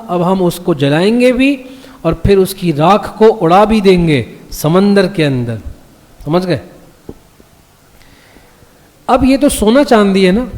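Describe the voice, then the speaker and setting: A man teaching a class on the Quran in a mosque. He reads each verse slowly, explains it, and keeps checking that his listeners follow. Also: high-pitched, darkish tone. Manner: recites the Arabic verses slowly before translating them. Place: mosque hall. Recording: long reverb of a mosque hall.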